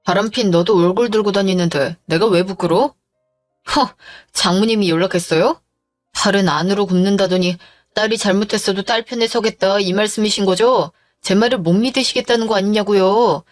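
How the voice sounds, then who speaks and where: A woman's voice: medium pitch, fairly quick, soft background music, lightly acted. A woman voicing a crude, jealous husband who accuses his wife and bullies her, in a dramatized story. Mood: indignant.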